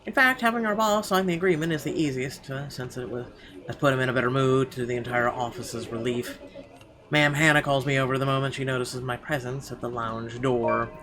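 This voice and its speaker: In a let's play, a man with a mid-range voice reads the narration aloud a little fast. He stumbles over the text now and then and tosses in sarcastic asides.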